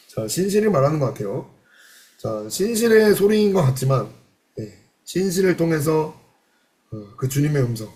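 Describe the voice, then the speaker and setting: A man's voice: a little high, warm tone. A male pastor preaching a sermon, reading passages aloud and explaining them with rhetorical questions in a church. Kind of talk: sermon on a devotional classic.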